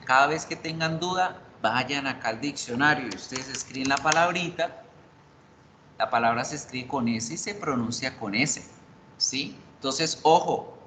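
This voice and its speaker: A man's voice: fairly high pitch, bright, forceful tone, a little hiss or hum, low-quality recording. A man teaching an online English class, patiently explaining pronunciation and repeating words.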